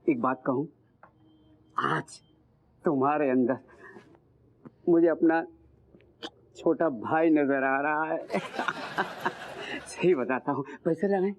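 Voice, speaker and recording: Brief: a showy boss, high lively voice, slow drawn-out delivery. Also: male voice, breathy edge, exaggerated voice. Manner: theatrical, swings between laughing and scolding. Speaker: senior officer. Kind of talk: sitcom acting.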